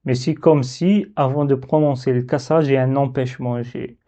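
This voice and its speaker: A man teaching the Arabic alphabet step by step, slowly repeating syllables for learners to copy. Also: medium pitch, fairly even intonation, dark tone. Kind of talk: step-by-step letter lesson.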